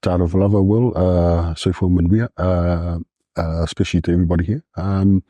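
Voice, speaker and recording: Samoan-born guy in his 40s, low mellow voice, stops and restarts a lot, dry sound. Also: steady tone, no echo, lo-fi sound. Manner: halting, many fillers and restarts. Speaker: guest. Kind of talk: podcast interview in a classroom.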